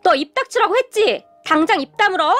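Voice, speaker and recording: A woman's voice: very animated, normal speed, soft background music, heavily acted. A woman voicing a bratty, whiny adult sister-in-law who shrieks and whimpers. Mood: furious. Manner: shrill, whiny, shouting.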